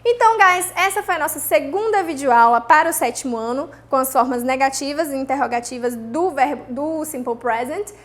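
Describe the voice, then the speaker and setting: High-voiced Brazilian woman teaching English. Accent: Brazilian Portuguese. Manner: slow, drawn-out model pronunciation of English words for repeating; checks in often with "certo?" and "né?". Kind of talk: recorded video lesson for students.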